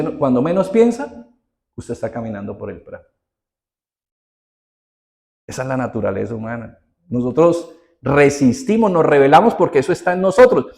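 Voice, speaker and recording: Animated preacher, a man mid-sermon. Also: a little high, gravelly. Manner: conversational preaching with rhetorical questions and swings between loud and hushed. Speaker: pastor.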